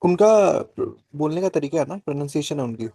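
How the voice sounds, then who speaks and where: A man's voice: on the high side, lively intonation, dark tone, dry recording. A man teaching a French class over a video call, explaining patiently and checking in with his students often. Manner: slow, patient explaining with frequent "ठीक है" checks. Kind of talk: live online class, Hindi-English mix.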